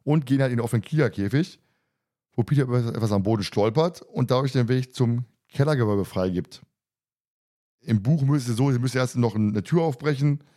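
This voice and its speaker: In a mellow, medium-pitched voice, this man talks fairly quickly as he hosts a podcast. He casually recounts an episode of an audio drama, breaking into his own sentences as he goes.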